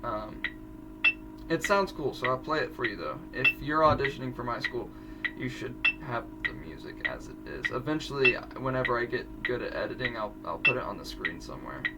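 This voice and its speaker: A man's voice: medium pitch, lively intonation, a little fast, distant mic, loud music behind the voice. A teenage boy casually explaining drumline exercises, chatty and prone to correcting himself mid-sentence. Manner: chatty, self-correcting, rambling asides. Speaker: drumline student teaching audition exercises. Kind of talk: casual drum tutorial.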